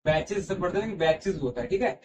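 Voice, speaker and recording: Teaching an English grammar lesson, a man with a slightly high, expressive voice moves at a quick pace, repeats word lists aloud, and keeps checking with "theek hai" that students are following. His voice drifts as he turns toward the board, and background noise can be heard.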